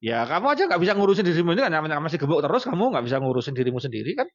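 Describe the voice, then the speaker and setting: Man, Javanese accent, preacher, high voice, lively storytelling, dull lo-fi recording. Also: very fast. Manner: animated storytelling, acts out pleading prayers and quotes. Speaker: Islamic preacher. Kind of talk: casual religious talk.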